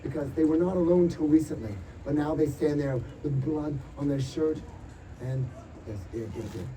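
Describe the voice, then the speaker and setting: High-pitched man, theatrical game master at a fair. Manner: dramatic, drawn-out suspenseful announcing with exclamations. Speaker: game master and live show host. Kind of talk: theatrical improvised storytelling for a live tabletop role-playing show. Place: outdoor stage at a Renaissance fair. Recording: distant mic, loud crowd and noise.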